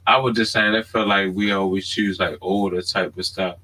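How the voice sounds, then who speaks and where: A deep-voiced man from Baltimore, United States, with a Baltimore accent, chats casually as a podcast co-host in unscripted talk, often checking in with "you know what I mean." His intonation is fairly even and his speed normal, with a pushed, bright quality. The recording is rough.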